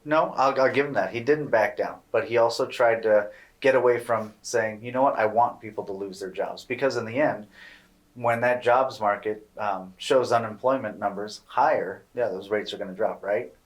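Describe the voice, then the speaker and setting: A man co-hosting a podcast, talking in a relaxed, rambling, opinionated way and swearing now and then. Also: lowish voice, moderate pace. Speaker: podcast co-host. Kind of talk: casual podcast chat.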